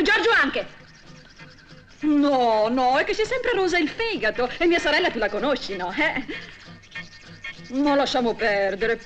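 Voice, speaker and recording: An actress playing a gossipy young wife chattering on the phone to her mother in a 1960s film, quick to take offence. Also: high voice, fairly bright tone. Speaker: housewife on the phone. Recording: 1960s film soundtrack with music behind.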